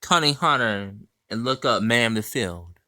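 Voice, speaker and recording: A man's voice: mid-range voice, lively intonation, normal speed, bright, forceful tone, no room sound. A man who cites chapter and verse, reads passages aloud and comments on them in an insistent way. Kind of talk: scripture quoting and commentary.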